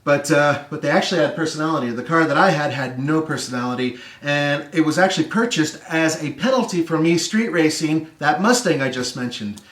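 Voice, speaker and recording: A middle-aged man from California hosting a car show, telling casual stories with lively anecdotes and dry asides while seated on a living room floor. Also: fairly high pitch, fairly quick, few pauses. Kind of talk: casual storytelling chat. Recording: roomy echo, distant mic.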